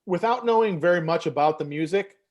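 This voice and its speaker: A man's voice: fairly high pitch, brisk, a little mellow, lo-fi sound. Casual male podcast host from Michigan, easygoing, drops swears. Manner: laid-back, swears casually. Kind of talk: casual chat.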